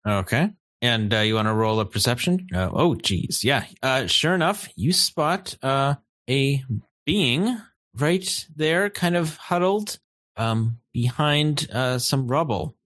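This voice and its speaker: Brief: male game master, slow and halting, lots of ums, dry close sound. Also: mid-range voice, lively intonation, a bit bright, no echo. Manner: halting, many fillers, frequent laughs. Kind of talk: running a tabletop game.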